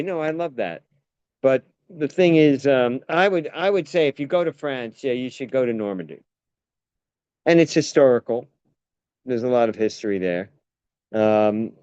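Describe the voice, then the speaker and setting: An American actor and playwright from the United States chats casually, spinning rambling stories and frequently restarting his sentences. His voice is medium-pitched, slightly mellow and smooth, recorded without echo but with dull audio.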